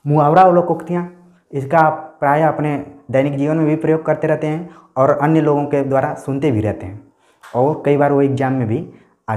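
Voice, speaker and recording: A man's voice: fairly high pitch, a little mellow. Man, teacher, exam-prep lecture, explanatory, checks in often, echoey room.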